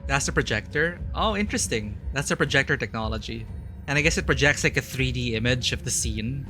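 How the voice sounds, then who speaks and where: A man hosting a game playthrough, mixing casual, expressive reactions with dramatic reading of text. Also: mid-range voice, fairly quick. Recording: voice over game music.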